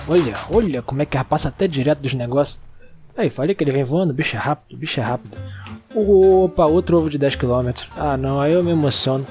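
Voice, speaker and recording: A young man with a Brazilian Portuguese accent, excitedly narrating a video game and talking to its characters. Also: a little high, fast, faint music behind. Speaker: gaming YouTuber. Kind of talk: let's-play commentary.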